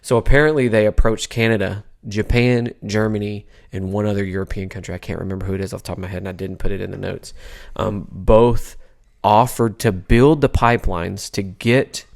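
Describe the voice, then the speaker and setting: A man from the United States co-hosting a casual political chat podcast, talking in an animated, halting way with frequent restarts. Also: gravelly. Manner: animated, pitch jumps high when worked up. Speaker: podcast co-host.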